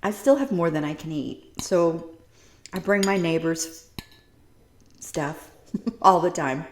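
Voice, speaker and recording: A woman's voice: on the low side, slow, echoey room, slight background noise. A woman vlogger chatting casually to her viewers while eating in her home kitchen, savoring each bite. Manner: chatty, savoring food, talks between bites. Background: clinking dishes and cutlery.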